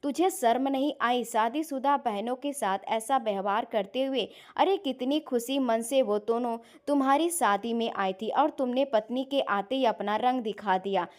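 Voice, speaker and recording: Woman voicing furious mom yelling at her son, highish voice, family story. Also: normal speed, hardly any pauses, lightly acted. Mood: angry scolding. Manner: shouting, scolding. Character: furious middle-aged mother scolding her son.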